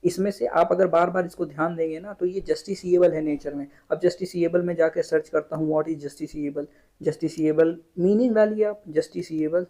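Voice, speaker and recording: A man's voice: high voice, fairly even intonation, normal speed, few pauses, dark tone, low-quality recording. A young man giving a casual exam-prep tutorial. He is chatty, repeats words, and mixes English terms into his Hindi. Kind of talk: casual screen-share tutorial.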